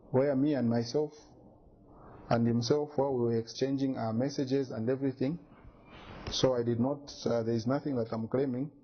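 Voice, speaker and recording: A man's voice: medium pitch, breathy edge, dull audio. A man giving an interview, insistent and indignant as he talks through his evidence. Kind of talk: press interview.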